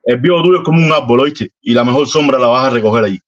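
Cuban man, caller, middle pitch, earnest and sentimental, lo-fi audio. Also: fast. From Cuba. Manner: earnest, repeats tag questions. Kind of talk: casual heartfelt conversation. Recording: dull lo-fi line.

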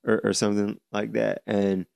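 A man in his late twenties hosting a solo podcast, speaking earnestly with many halting restarts. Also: on the low side, level tone, creaky, darkish tone, no echo. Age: 20s. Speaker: podcast host.

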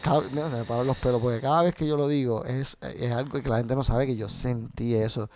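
Animated bilingual man. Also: mid-range voice, brisk, slight background noise. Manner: switches between Spanish and English, swears freely, animated storytelling. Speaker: guest. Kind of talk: casual interview chat.

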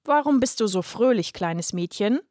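A woman voicing a gruff, grumpy little boy in a read-aloud children's story. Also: fairly high pitch, lively intonation, normal speed, darkish tone, no echo, clean studio sound, close to an everyday voice. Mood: grumbling. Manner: gruff, grumbling, huffy. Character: grumpy serious little boy, sulky and stern. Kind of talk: storybook reading.

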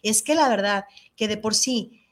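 A woman's voice: mid-range voice, normal speed, fairly bright tone. A middle-aged woman hosting a talk, speaking in a thoughtful, earnest way. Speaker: host. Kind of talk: reflective talk show chat.

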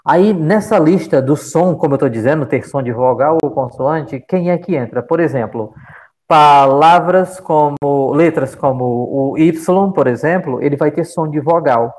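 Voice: mid-range voice, a little slow, darkish tone, low-quality recording. An English teacher with a Brazilian accent, explaining a grammar point in an online class and patiently repeating examples. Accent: Brazilian Portuguese. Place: online video call.

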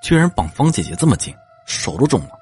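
A man voicing a cocky young male police officer who talks smugly and teasingly, with a husky voice. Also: medium pitch, big pitch swings, fast, a little mellow, faint music behind. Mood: casual. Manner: smug, teasing, with scoffs. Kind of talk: audio drama acting.

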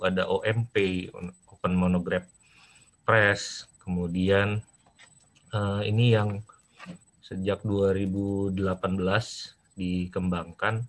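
A man's voice: low voice, fairly bright tone. A man presenting at an online seminar, his voice muffled through a face mask. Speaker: presenter, university library head. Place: online video meeting.

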